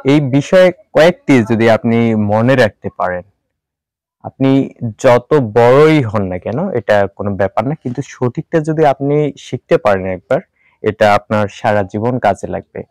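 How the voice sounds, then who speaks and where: A man teaching English pronunciation in Bengali, repeating each sound slowly and mixing in English words. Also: medium pitch, lively intonation, a little mellow, no echo. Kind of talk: spoken language lesson.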